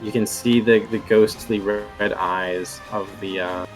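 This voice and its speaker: Male game master, slow, rambling narration full of fillers. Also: lowish voice, steady tone, faint music behind. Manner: rambling, many fillers and restarts.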